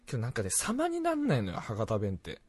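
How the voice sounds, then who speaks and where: A young man from Fukuoka with a Hakata accent, chatting casually as a podcast co-host, jumping between loud bursts and mumbled asides. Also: medium pitch, wildly swooping pitch, fast, husky. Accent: Hakata dialect. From Fukuoka, Japan. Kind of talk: casual chat.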